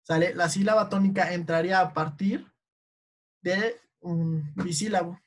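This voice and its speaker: Mexican woman teaching over a video call, slow and patient, keeps asking ok?. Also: on the low side, steady tone. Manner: slow, patient, checks in with "ok?" often. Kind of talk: online class, explaining poetry meter.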